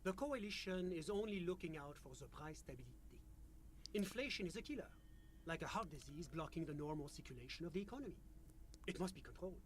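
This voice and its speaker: Guy voicing a stiff french-accented bureaucrat, high-ish voice, faint hiss behind. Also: expressive, lightly acted. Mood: composed. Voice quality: measured, bureaucratic delivery. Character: prim, unflappable male financial official.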